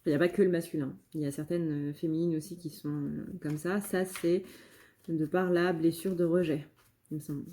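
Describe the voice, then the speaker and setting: A woman with a somewhat low, mellow voice gives a casual channeled card reading. She talks in a halting way, often pausing on fillers and starting phrases over. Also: steady tone. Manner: hesitant, many fillers and restarts. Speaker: tarot reader and medium.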